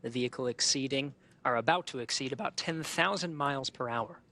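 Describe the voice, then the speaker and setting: A man gives live technical commentary as a launch webcast host. His medium-pitched voice is bright and forceful. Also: fairly quick.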